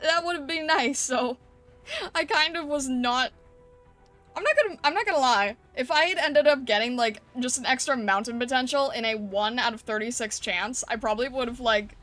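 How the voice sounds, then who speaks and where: Female art streamer, higher register, informal and conversational, speaking over background music. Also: fairly even intonation, normal speed, fairly bright tone. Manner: conversational, often ends with tag questions. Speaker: streamer hosting an art livestream. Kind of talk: casual livestream chat.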